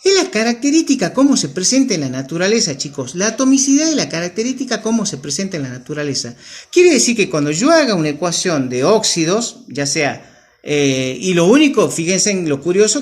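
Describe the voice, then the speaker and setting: A man with a high-sitting, very animated voice teaches a chemistry lesson at a whiteboard, talking a little fast. He patiently explains each step, repeats key terms, and checks in with his students.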